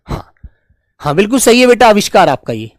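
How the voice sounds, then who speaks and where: A man teaching spelling to a live online class, who stretches each word out slowly and fondly calls his students children. His pitch rises and falls a lot as he explains. The sound is dry and close, with no room echo. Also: big pitch swings. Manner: patient, repeats words slowly, calls students "beta".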